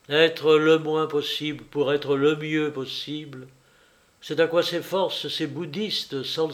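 A man reading a literary novel aloud in a measured, wry and reflective storytelling manner. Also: fairly high pitch. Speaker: audiobook reader. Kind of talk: literary audiobook narration.

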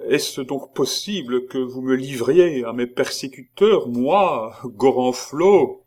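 Un homme qui fait la voix d'un gros moine terrifié, qui supplie en gémissant d'une voix haute et traînante. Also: male voice, fairly even intonation. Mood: pleading. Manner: high wailing pleas, slowed and drawn out. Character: fat terrified male monk, pleading and whining.

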